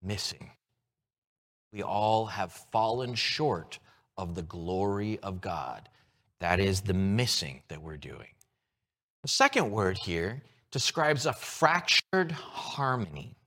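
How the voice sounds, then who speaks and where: A man preaching a sermon, moving from hushed, low lines to loud, excited ones as he acts out everyday scenes. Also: takes it slowly. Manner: animated, with props and shifts from hushed to loud. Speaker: pastor.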